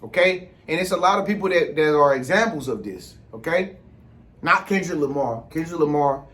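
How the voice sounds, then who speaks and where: An American man with a fairly high voice delivers an informal, rambling monologue as a vlog host. He speaks in street slang and keeps circling back with little check-in phrases to make sure he is followed. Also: expressive, normal speed, fairly bright tone.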